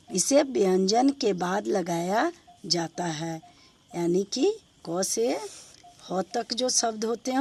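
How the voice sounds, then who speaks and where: A woman's voice: medium pitch, a little mellow. A woman teaching a grammar lesson to children. She asks them questions and answers herself, repeating each point. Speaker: school teacher. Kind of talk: slow classroom Hindi grammar lesson.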